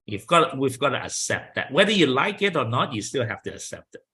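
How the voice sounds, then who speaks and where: In a relaxed interview, a Chinese-accented kung fu instructor reflects thoughtfully, sprinkling in frequent you-knows and light laughter. His mid-range voice is sing-song and brisk, bright and forceful with a breathy edge.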